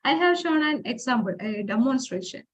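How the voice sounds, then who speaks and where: A woman's voice: high voice, animated, a little fast, dull audio. A woman giving an informal lecture presentation, explaining step by step with fillers and restarts, and reading example phrases aloud. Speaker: forum speaker.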